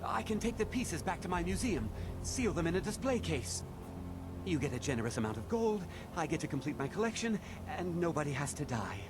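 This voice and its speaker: An actor playing an eager, obsessive collector and cult devotee in a fantasy video game, with a theatrical, fervent delivery. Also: male voice, on the low side, sing-song, measured pace. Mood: panicked pleading. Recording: loud music behind the voice.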